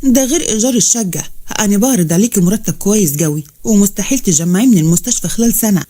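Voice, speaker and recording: A woman's voice: medium pitch, expressive, rapid-fire, mellow, close to an everyday voice. A woman voicing a worried, gracious middle-aged mother who speaks earnestly, with an Egyptian accent. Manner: earnest and pleading.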